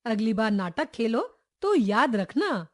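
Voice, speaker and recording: A woman's voice: fairly high pitch, very animated, slow pace. A woman voicing a cheerful, teasing father in a children's storybook reading. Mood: amused. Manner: loud, amused.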